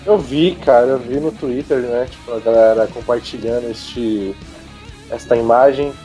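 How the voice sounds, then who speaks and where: A man's voice: mid-range voice, moderate pace, warm tone, faint music behind. A man co-hosting a podcast, giving brief, laid-back replies in casual chat. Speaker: podcast co-host.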